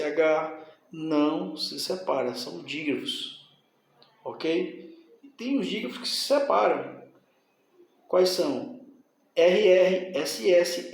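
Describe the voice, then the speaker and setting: A man with a fairly high, gravelly voice, heavily reverberant, teaches a grammar lesson. He explains step by step and keeps checking in with students, often asking "tá?" and "certo?".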